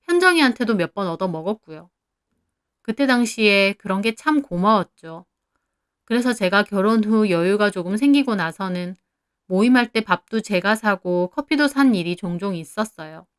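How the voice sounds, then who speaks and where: Lively woman telling a story. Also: medium pitch, moderate pace, clean tone. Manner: calm, confiding storytelling. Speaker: story narrator. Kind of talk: first-person story narration.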